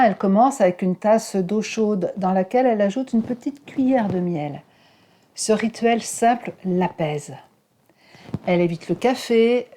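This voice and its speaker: Brief: woman, host of a wellness channel, gentle measured explainer, mellow warm tone. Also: mid-range voice. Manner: gentle, measured, with occasional fillers and restarts. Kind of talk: calm health explainer to camera.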